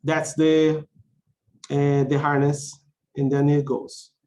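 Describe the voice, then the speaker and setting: Slow-paced male English teacher, higher-pitched voice. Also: monotone, darkish tone. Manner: repetitive, simplified phrasing for learners. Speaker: English teacher of a conversation class. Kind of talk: instructional lesson, explaining simply with check questions.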